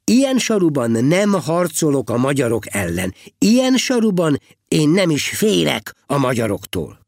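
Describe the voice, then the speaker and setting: A man's voice: mid-range voice, lively intonation, no echo, lightly acted. A man voicing a sulky, stubborn monk who complains indignantly and preaches defiantly about his torn sandals. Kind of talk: storybook reading.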